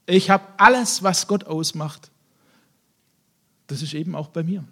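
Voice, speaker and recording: Husky animated preacher with touch. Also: male voice, a little high, measured pace. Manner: animated storytelling, acting out scenes in voices. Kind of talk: sermon.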